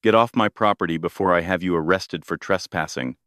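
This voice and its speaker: A man's voice: deep voice, a little fast, a bit bright, dry recording, clean studio sound. A man reading a spiteful rich matriarch. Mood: scornful. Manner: contemptuous, scolding. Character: spiteful, wealthy older woman, enraged.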